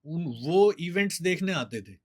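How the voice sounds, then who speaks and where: A man, a bodybuilder guest telling his story in a steady, explaining way. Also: on the high side, measured pace, breathy edge. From Delhi, India. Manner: steady, explanatory, mixes English words. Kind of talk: casual interview storytelling.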